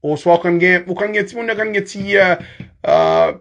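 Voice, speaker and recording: A man's voice: high voice, wildly swooping pitch, normal speed, a bit bright, lo-fi sound. A man with a Haitian accent teaching English body-part words in a casual lesson, chatty, laughing often and spelling words out letter by letter.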